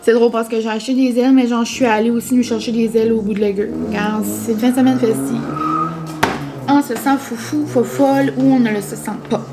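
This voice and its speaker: A woman's voice: a little high, fairly even intonation, fairly quick, noisy background. A young woman, chatting casually for her vlog, full of fillers and dropping in English words. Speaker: vlogger. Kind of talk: casual chat.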